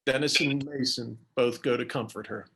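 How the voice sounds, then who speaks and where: A man reading stage directions in a plain, even way during a play reading over a video call. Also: mid-range voice, moderate pace, vocal fry.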